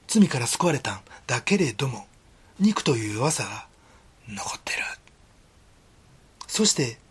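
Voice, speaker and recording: A man's voice: on the high side, fairly bright tone, slightly rough. A male pastor with a Kansai accent, preaching a sermon in an earnest, conversational way and often dropping into a whisper. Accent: Kansai Japanese.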